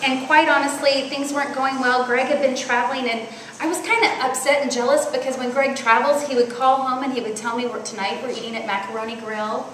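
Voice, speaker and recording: Lively loud lady giving a talk at a women's retreat, highish voice, super echoey hall, bit of hiss. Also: brisk. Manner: loud, animated storyteller. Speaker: conference speaker. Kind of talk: storytelling sermon. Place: large hall at a church retreat. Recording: echoey hall, faint noise.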